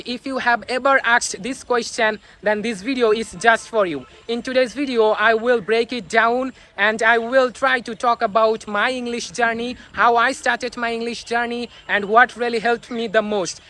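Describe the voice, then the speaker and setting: Young Bengali-native man, high and bright, earnest outdoor pep talk to camera. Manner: earnest, fast, with frequent fillers and restarts. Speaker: English teaching YouTuber. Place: outdoors among onlookers.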